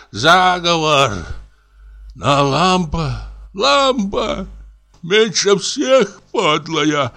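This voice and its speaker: A man voicing a drunken, bewildered male comic actor, with a slurred, wailing, high strained voice. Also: bright, forceful tone, heavily acted.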